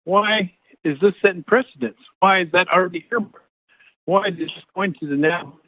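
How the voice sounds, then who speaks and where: A man speaking as a council delegate in a committee meeting. He is calling in on a glitchy line that keeps breaking up, and he asks pointed questions in halting bursts. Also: sits high, dry recording. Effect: breaking-up glitchy call audio. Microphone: remote call-in line. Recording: dull muffled call line, cutting in and out.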